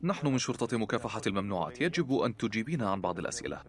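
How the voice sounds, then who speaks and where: A man's voice: on the low side, sing-song, very fast. A man voicing a firm male anti-drug police officer questioning a traveler, in dubbed documentary dialogue. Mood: stern. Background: faint music.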